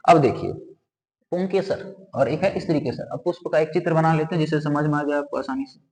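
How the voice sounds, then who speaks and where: A man's voice: on the high side, brisk, darkish tone. A man teaching a biology lesson, asking questions and answering them himself as he repeats each term. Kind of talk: classroom lesson with drawing. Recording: echoey room with long reverb.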